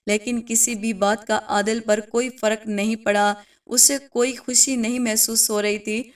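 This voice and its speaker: A woman's voice: on the high side, level tone, far from the mic. Woman narrating an emotional moral story.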